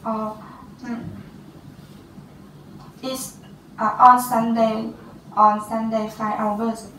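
A teenage girl with a Vietnamese accent taking an English speaking test, halting and hesitant with restarts. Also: on the high side, little pitch movement, a bit bright, slight background noise. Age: teens. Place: small classroom office, indoors. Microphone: far camera. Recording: roomy, distant camera sound.

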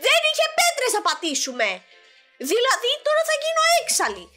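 Young female gamer, sore-throated but animated, shrieking at her game over quiet music. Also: very high voice. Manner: excitable, exclaiming at the game. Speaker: gaming YouTuber. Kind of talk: gameplay commentary.

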